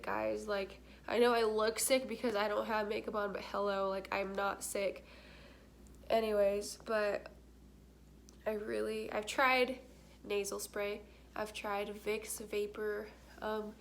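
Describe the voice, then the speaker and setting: A woman's voice: a little high, a little hiss or hum. A young woman talking candidly to her camera, with a congested nose and short of breath, filling her talk with "like". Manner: chatty, candid, many fillers, stuffy-nosed. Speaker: vlogger.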